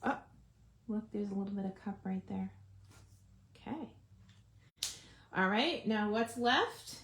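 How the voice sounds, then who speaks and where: Chatty woman demoing crafts live. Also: medium pitch. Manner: chatty, thinks aloud while working, talks to live viewers. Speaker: card-making demonstrator. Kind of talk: casual live craft demo.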